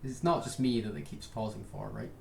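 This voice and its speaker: A man narrating scenes as game master of a tabletop horror game, in slow, even descriptive narration. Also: lowish voice, vocal fry, noisy background. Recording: roomy with loud background music.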